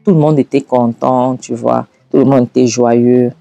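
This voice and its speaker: A man's voice: medium pitch, steady tone, moderate pace, gravelly, mellow, dry recording. A man narrating a casual recap of a film scene by scene, rambling with frequent restarts.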